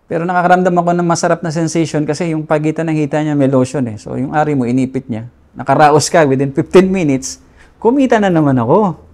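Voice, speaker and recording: A man's voice: on the high side, quick pace, darkish tone. A man in his forties from the Philippines, candidly telling his personal story as an interview guest and acting out remembered dialogue. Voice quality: casual confessional tone with reenacted dialogue.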